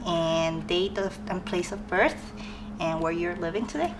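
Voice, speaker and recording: A woman's voice: lowish voice, unhurried, noisy background. A young woman interviewing a guest, asking polite questions for an oral history project in a conference room. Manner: polite, with soft laughs.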